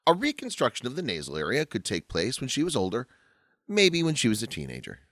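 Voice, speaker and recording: A man reading a scripted story as narrator, in an expressive, lively way. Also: mid-range voice, quick pace, no room sound, clean studio sound.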